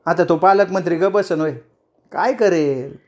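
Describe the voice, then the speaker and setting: A man's voice: high-pitched, measured pace, muffled recording, voice pushed up. A man doing a teasing older woman friend. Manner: teasing, scolding, familiar. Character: sharp-tongued middle-aged woman friend, teasing.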